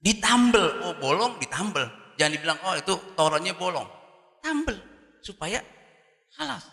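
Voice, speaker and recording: A man preaching with a bright, forceful voice, asking rhetorical questions and chanting Arabic verses. His voice sits a little high for a man. It rings through a large hall with a long reverb. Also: very animated, moderate pace, creaky. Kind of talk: sermon.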